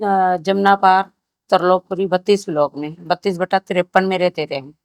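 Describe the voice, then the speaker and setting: A woman in her fifties gives a grave, steady personal testimony in an interview, telling it in short phrases. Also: lowish voice, moderate pace, vocal fry, no echo. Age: 50s. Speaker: survivor interviewee.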